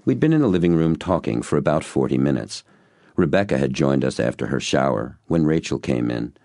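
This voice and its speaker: Deep male audiobook narrator, gravelly, measured storytelling, dry close sound. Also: expressive, warm tone, no echo. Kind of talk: audiobook reading.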